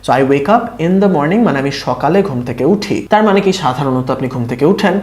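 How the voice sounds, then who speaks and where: A man teaching English in a lesson, explaining slowly, asking rhetorical questions and switching between Bengali and English. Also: a little high, expressive, darkish tone. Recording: roomy echo.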